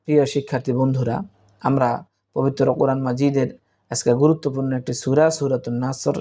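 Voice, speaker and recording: A man teaching Quran reading in Bengali, spelling out letters and vowel marks slowly and repeating syllables for students. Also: medium pitch, flat delivery, dark tone. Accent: Bangladeshi Bengali. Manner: slow, drawn-out spelling of letters and vowel marks, then recited Arabic words.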